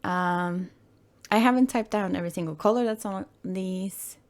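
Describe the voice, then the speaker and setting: Hoarse and croaky today, a woman hosting her gaming channel rambles casually through her commentary, frequently hesitating and correcting herself. Her voice is medium-pitched and her pace is moderate.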